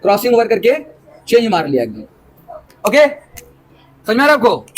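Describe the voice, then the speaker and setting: The recording is rough, and the man's high voice swings hugely in pitch at a moderate pace. He's giving a biology lecture with English terms, asking the class rhetorical questions to keep them involved and illustrating points with homely examples.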